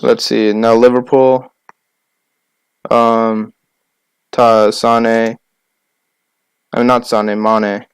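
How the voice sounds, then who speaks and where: Young male podcast co-host, smooth clear voice, dry close sound, rattles off names. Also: mid-range voice, little pitch movement, no echo. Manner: listing names quickly, argumentative. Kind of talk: casual sports chat.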